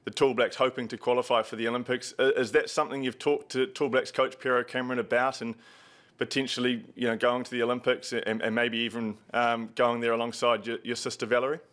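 A man in his thirties with a New Zealand accent and a medium-pitched voice hosts a sports show. He speaks conversationally into a close microphone. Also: flat delivery, fast, fairly bright tone. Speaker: sports show host and interviewer. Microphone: desk microphone close in front, video call.

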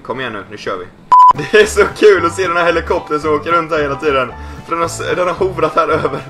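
A young man giving joking, excitable commentary over a video game. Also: mid-range voice. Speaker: gaming YouTuber.

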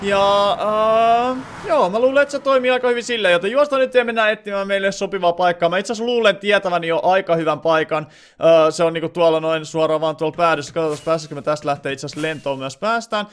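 A young Finnish man talking through a game session out loud, thinking aloud with lots of filler sounds. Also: high-pitched, clean tone. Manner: bursts into loud excited shouting. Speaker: gaming channel host. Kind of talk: Let's Play commentary.

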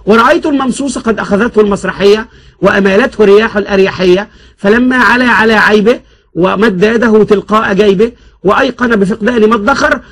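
A man's voice: sits high, quick pace, fairly bright tone. A man reciting comic rhymed classical prose in a rhythmic, declaiming manner.

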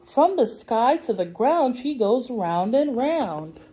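A young woman plays a preschool teacher reading to little children in a classroom, stretching out and repeating simple phrases. She speaks slowly in a sing-song, fairly high voice that's both mellow and husky, captured in low quality.

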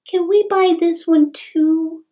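A woman's voice: extremely high pitch, fairly even intonation, slow, warm tone, voice pushed up. A woman voicing an eager young girl who is about to become a big sister. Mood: asking.

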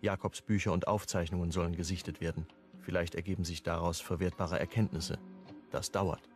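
In a crime radio drama, an actor plays a sober first-person narrator, recounting events with restraint in short sentences. His male voice is low, natural, and level in tone, moving briskly, with faint music behind him.

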